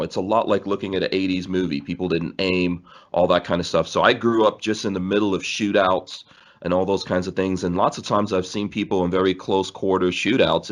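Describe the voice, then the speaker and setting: A man in his forties, born in Guyana and raised in New York City, rambling through stories as a podcast guest, with frequent laughs. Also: low-pitched. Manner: rambling, laughs often, restarts. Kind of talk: casual storytelling interview.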